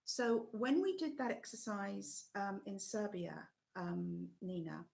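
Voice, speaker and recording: A middle-aged woman trainer, losing her voice and coughing, talking thoughtfully with many pauses on a video call. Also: medium pitch, expressive, vocal fry, a little mellow. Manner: thoughtful, pausing with many ums. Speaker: teacher trainer. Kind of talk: live online session talk.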